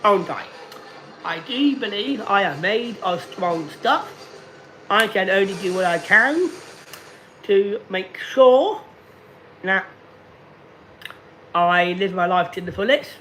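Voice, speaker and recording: A man in his late thirties talking slowly and deliberately to viewers on a casual live stream, repeating himself often. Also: high-pitched, lively intonation, pushed and bright, a little hiss or hum. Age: 30s. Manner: slow, deliberate and repetitive. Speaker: livestreamer.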